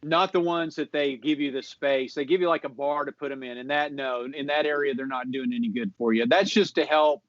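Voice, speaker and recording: A man giving social media marketing advice in a relaxed chat, explaining patiently and often restarting his sentences. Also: medium pitch, a little fast, few pauses, no room sound. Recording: dull lo-fi audio.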